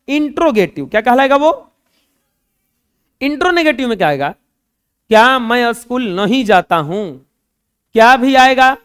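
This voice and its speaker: Male classroom teacher, clear resonant voice, quizzes his students and stretches out key words. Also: extremely high pitch, fairly bright tone. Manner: asks the class questions and answers them himself; drawls example words slowly. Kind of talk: classroom grammar lesson.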